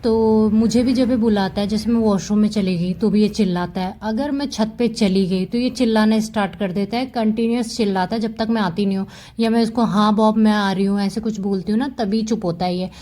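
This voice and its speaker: A woman's voice: medium pitch, fairly even intonation, fairly quick, few pauses, warm tone. A woman giving a casual, chatty voice-over about her pet cats, fond and explaining as she goes. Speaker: cat vlogger.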